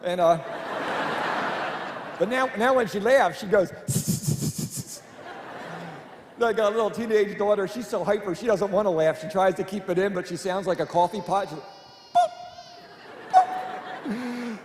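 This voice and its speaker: A man's voice: high voice, normal speed. A middle-aged man doing family-friendly stand-up comedy, chatty and self-deprecating, on a church stage before a live audience. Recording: live hall with long reverb and faint room noise.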